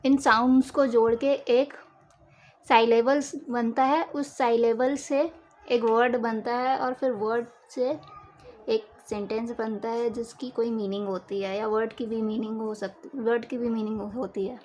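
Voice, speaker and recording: A woman teaching a lecture for exam preparation, explaining slowly with examples and repeating key terms. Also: a little high, fairly even intonation, a little mellow, slight background noise, rough recording.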